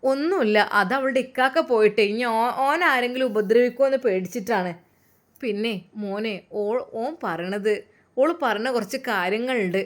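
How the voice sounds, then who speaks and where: A woman doing a warm older village mother with a lilt, set a little high. She soothes and reassures firmly in a storybook reading, though the voice stays close to the reader's own. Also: moderate pace, close to an everyday voice. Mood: motherly. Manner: soothing, firm, motherly endearments.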